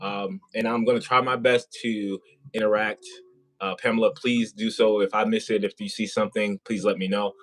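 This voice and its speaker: A man's voice: on the low side, level tone, moderate pace, fairly bright tone, poor audio. A man hosting a casual live interview, chatty and rambling with many fillers. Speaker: host. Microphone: compact wireless mic.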